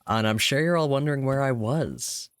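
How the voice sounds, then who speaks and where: A man with a medium-pitched, clean voice chats casually on his live stream while gaming, rambling with small laughs. He sounds sick, slightly hoarse and tired. It's a dry, studio-quality recording made on a desk microphone.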